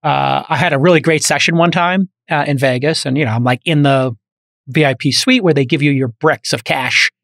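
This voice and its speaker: A man in his fifties hosting a podcast, telling stories in a quick, joking, boastful way in casual chat. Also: a little high, creaky, a bit bright, no echo, clean studio sound. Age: 50s. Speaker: podcast host.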